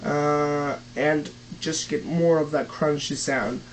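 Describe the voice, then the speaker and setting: Young guy, not a native english speaker, explaining vocal stuff slowly, lots of uhs, faint hum behind him. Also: on the high side, fairly even intonation, rough recording. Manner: halting, many fillers and restarts, non-native phrasing. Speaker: vocal technique teacher. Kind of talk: casual home tutorial.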